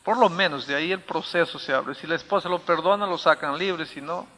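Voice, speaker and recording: High, bright-voiced preaching man. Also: a little fast, in a large hall. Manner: emphatic preaching with storytelling. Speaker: pastor. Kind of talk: sermon.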